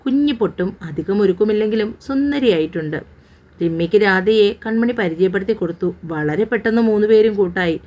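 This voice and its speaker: A woman narrating a romance novel as an audiobook in a steady, unhurried storytelling manner. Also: medium pitch.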